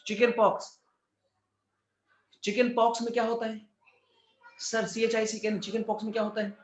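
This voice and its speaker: A man's voice: sits high, level tone, moderate pace, echoey room, faint music behind. A male biology teacher giving a chatty exam-prep lecture with words, asking his students' questions in his own voice.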